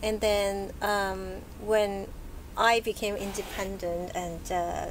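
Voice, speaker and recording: A woman from Hong Kong talks as a podcast guest in a soft, reflective way, pausing often and laughing gently. Her pitch sits in a middle range. A faint hiss of noise is heard under her voice. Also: flat delivery. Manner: soft-spoken, thoughtful, with frequent hesitations and gentle laughs. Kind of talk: casual interview chat. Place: bookshop, live recording.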